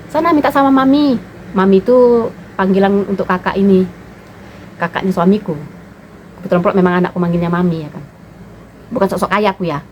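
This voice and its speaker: Outspoken mother, casual vlog talk, blunt and lively. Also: mid-range voice, slight background noise, low-quality recording. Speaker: mother and vlogger. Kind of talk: casual monologue giving parenting opinions.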